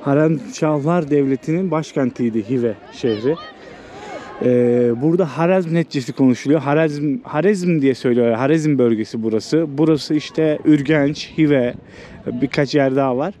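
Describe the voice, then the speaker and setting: With a dark tone, medium pitch, and moderate pace, a male vlogger narrates his walk through an old walled town. The casual, unscripted travel talk is conversational and recorded against outdoor city ambience and background noise.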